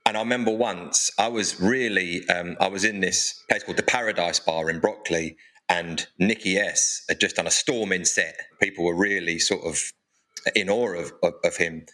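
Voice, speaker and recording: A man's voice: sits low, moderate pace, sharp tone. A man, an actor guest telling self-deprecating stories in casual chat.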